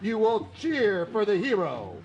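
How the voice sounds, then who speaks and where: A cheery old-time radio announcer, voiced by a man, addresses the audience in a theatrical, sing-song manner. His voice sits high, swoops widely and takes its time, and music plays behind him. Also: huge pitch swings, unhurried, darkish tone, highs cut off, heavily acted. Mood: showy. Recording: music under the voice.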